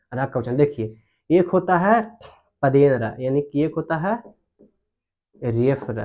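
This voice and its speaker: Man, grammar teacher, mellow voice, fairly high, repetitive, quizzing students. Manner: repetitive explaining, asks questions to students. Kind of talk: whiteboard grammar lesson.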